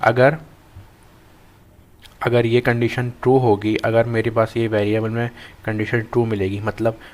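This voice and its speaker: A young man teaching a coding class, thinking aloud as he types, with frequent pauses and restarts. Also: medium pitch, level tone. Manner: thinks aloud while typing, halting with many restarts. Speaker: programming tutor. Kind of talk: screen-recorded coding lesson.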